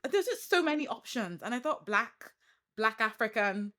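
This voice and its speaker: Animated Nigerian woman host. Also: on the high side, normal speed. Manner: animated storytelling with laughs and quoted asides. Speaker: podcast host. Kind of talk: casual interview chat.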